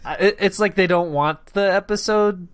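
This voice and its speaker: A man co-hosting a podcast, chatting in a relaxed, enthusiastic way and sometimes stumbling over names. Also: sits high, moderate pace, slight background noise. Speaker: podcast co-host. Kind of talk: casual chat.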